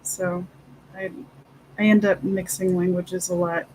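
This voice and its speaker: An unhurried speaker with a mid-pitched voice chats casually, switching between English and Spanish. The delivery is halting and often trails off mid-thought, with a little background noise. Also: flat delivery, a little mellow, poor audio. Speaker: livestream host of an inking session. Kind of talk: casual chat.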